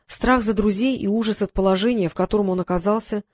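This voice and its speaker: A woman reading a novel aloud as audiobook narrator, in an even, measured way. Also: medium pitch, no echo, clean studio sound. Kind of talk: scripted narration.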